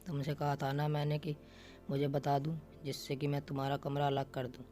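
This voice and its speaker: A woman's voice: sits low, monotone, moderate pace, dark tone, faint music behind, lightly acted. A man voicing a stern, traditional older mother-in-law in a storybook reading, scolding and insistent.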